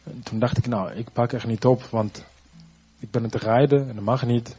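A man giving a personal faith testimony, halting and searching for words, earnest and reflective. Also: mid-range voice, steady tone, dark tone, husky, lo-fi sound, faint music behind.

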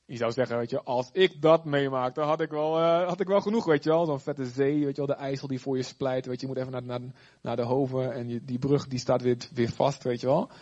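A man preaching a sermon in a lively, conversational way with chatty asides. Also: medium pitch, fairly quick, muffled recording. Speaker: pastor.

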